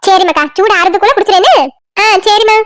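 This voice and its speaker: A woman voicing a bossy village mother with a Kanyakumari Tamil accent, talking in a brisk, scolding way. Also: extremely high pitch, steady tone, fairly bright tone.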